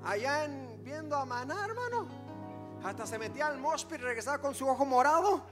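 A man preaching a revival sermon as pastor, who drops to quiet murmurs and then rises into impassioned shouting. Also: extremely high pitch, expressive, fairly quick, over music. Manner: acts out church members' excuses in a hushed voice.

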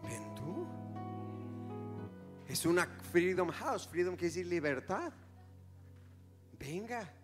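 A man preaching a revival sermon as pastor, who drops to quiet murmurs and then rises into impassioned shouting. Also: fairly high pitch. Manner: acts out church members' excuses in a hushed voice.

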